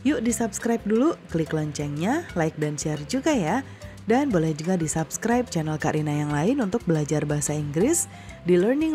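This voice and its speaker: A woman's voice: on the low side, mellow. Woman teaching English to small children. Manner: slow, drawn-out modeling of English phrases for repetition; friendly, explains patiently to children. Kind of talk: online lesson for children.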